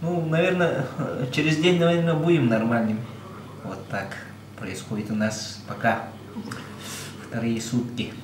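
A man from Yakutia, a truck driver on a road trip, chats casually on camera in a small rented apartment kitchen. His voice is medium-pitched and a little slow, plain-spoken, and he chuckles often. It's casual vlog narration, recorded indoors in an echoey room with steady background noise.

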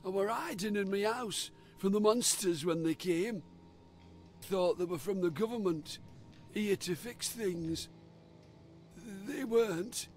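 A man's voice: high-pitched, slow pace, a little mellow, faint music behind, voice pushed up. A man voicing a weary, emaciated old fisherman captive who speaks in a rustic, old-fashioned dialect. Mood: grim.

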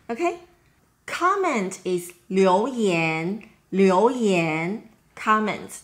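A woman's voice: medium pitch, a bit bright. A woman in her thirties with a Taiwanese accent, a native Mandarin speaker, teaching a language lesson to camera and repeating key terms. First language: Mandarin Chinese. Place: small room at home, indoors.

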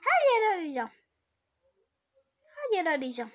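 High-pitched frantic young woman. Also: big pitch swings, normal speed, fairly bright tone. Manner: frantic, panicked, near tears. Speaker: prank target. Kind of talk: casual vlog.

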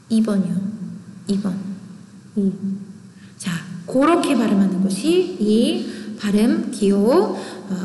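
A woman teaching English pronunciation in an online lecture, chatty and lively, often asking questions and answering them herself. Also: fairly high pitch, slight background noise. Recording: echoey room with long reverb.

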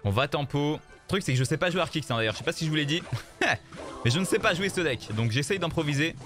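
Guy streaming a card game, slightly high voice, jokey and animated, faint game music behind. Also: fast. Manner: animated, joking, repeats himself, addresses viewers as "les gars". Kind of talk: casual live game commentary.

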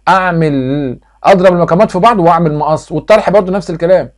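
A man's voice: sits high, rapid-fire. A man with an Egyptian accent teaching a math review lesson, firing questions at students and answering them himself, repeating each step like a drill. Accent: Egyptian Arabic. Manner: quizzes students and answers his own questions.

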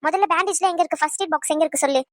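A woman's voice: extremely high pitch, racing, fairly bright tone, dry recording, studio quality. A woman voicing a firm young woman who comforts and scolds her family in a cartoon dub. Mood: scolding. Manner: scolding, reassuring.

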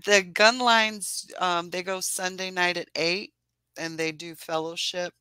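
A woman's voice: lowish voice, fairly even intonation, unhurried, clear, resonant tone, dry recording. Gushing woman guest, dry close sound. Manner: warm, gushing, thanks viewers, laughs a lot. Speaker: beekeeping guest. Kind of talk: casual livestream chat.

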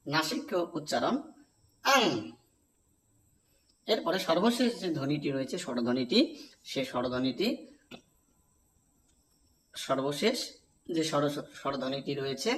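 A man teaching a pronunciation lesson, repeating each vowel sound slowly and asking the class to say it back. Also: a little high, fairly bright tone. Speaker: Sanskrit teacher.

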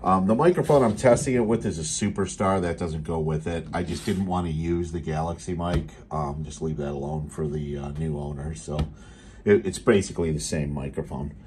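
Seated indoors at a radio bench, a seller shows off a restored CB radio, talking low and relaxed with an American accent. His delivery is unscripted, matter-of-fact and halting. A handheld camera mic captures him in a noisy room, leaving the audio a little noisy.

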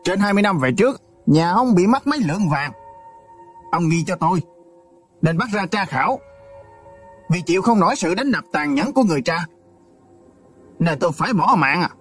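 A man voicing an aggrieved, vengeful son who complains in an accusing, high voice. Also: animated, normal speed, pauses often, a bit bright, breathy edge, faint music behind, heavily acted. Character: aggrieved son seeking revenge, high and wailing.

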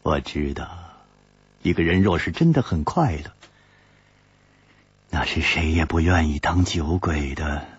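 Male storyteller, martial-arts audiobook, very slow, husky, dull lo-fi dry sound. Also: very deep voice, animated, no echo. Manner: slow, dramatic storytelling cadence. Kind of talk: pingshu-style audiobook narration.

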